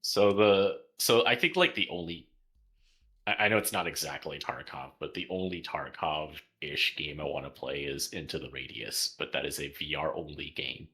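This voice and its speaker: Very deep, bright-toned joking man. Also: moderate pace. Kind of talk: casual gaming stream chat.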